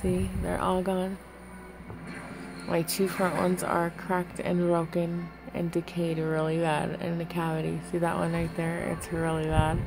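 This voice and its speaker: A woman's voice: lowish voice, completely flat delivery, unhurried, creaky, over music, rough recording. Woman talking with finger in mouth. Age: 30s. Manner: hesitant, many ums, repeats words. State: speaking with a finger in her mouth. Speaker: vlogger. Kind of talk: casual personal vlog.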